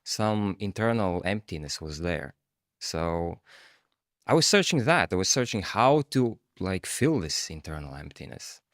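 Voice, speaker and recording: A low-voiced man talks through a podcast in a reflective, searching way. He often stops on fillers and restarts his thoughts. The recording is close and dry. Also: animated, a little slow, fairly bright tone, dry recording. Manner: reflective, hesitant, with many fillers. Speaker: podcast co-host. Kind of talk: casual podcast chat.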